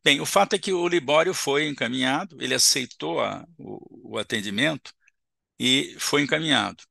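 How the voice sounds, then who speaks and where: A man's voice: medium pitch, normal speed, creaky, bright, forceful tone, dry recording, studio quality. A man giving a seminar lecture in an auditorium, explaining step by step and checking in with the audience with short tag questions.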